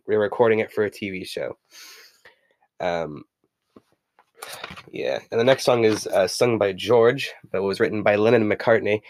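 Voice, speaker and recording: A man's voice: fairly low pitch, no room sound. A young man hosting a casual solo podcast, rambling with many fillers and reading passages aloud from a book. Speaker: podcast host.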